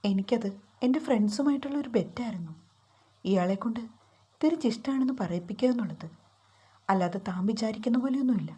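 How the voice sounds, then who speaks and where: A woman's voice: on the high side, lively intonation, quick pace, pauses often, dark tone, husky. Woman voicing a curt, cold young man.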